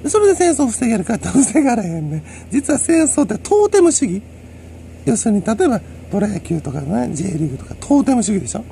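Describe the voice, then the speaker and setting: A man with a Kansai accent rambles through a solo monologue, lecturing and chuckling to himself. His voice is gravelly and dark, with pitch that leaps around. Faint noise sits under the recording. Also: sing-song, quick pace. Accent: Kansai Japanese. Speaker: solo commentator.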